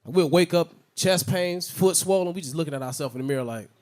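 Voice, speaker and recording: A young man from Chicago doing an animated stand-up set, slipping into shouted character voices. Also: fairly high pitch, brisk. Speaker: stand-up comedian.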